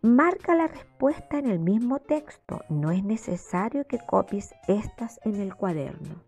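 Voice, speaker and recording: A woman teacher with a Chilean accent giving a recorded remote lesson, explaining step by step in a slow, explanatory classroom manner. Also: mid-range voice, animated, gravelly, darkish tone, soft background music. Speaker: primary school teacher.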